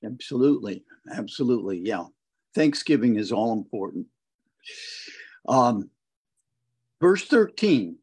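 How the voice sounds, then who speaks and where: A man co-hosting a conversational Bible study over a video call, reflecting slowly and reading scripture verses aloud. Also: medium pitch, very animated, darkish tone, husky.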